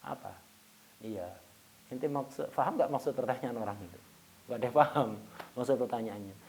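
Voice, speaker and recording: A man's voice: medium pitch, moderate pace. A man teaching an Islamic study lesson, telling a story and acting out its dialogue, joking and chuckling with his listeners. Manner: storytelling, acting out dialogue with sudden loud and soft turns. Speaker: religious teacher.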